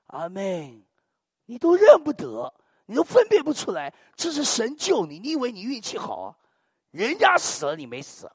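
A man's voice: high-pitched, slightly rough, dry recording, studio quality. An older man preaching a sermon, telling dramatic stories and muttering hallelujahs between lines. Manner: animated, dramatic storytelling peppered with muttered hallelujahs.

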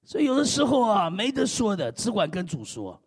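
Animated high-voiced male pastor preaching. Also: a little fast, husky, big-room sound. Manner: animated, frequent hallelujah and amen refrains. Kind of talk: preaching sermon with humor.

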